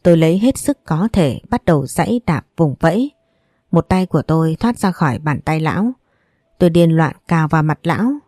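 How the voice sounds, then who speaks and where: Mellow-voiced woman narrating a story. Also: low-pitched, lively intonation, normal speed, dry recording, studio quality. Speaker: audiobook narrator. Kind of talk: first-person storybook narration.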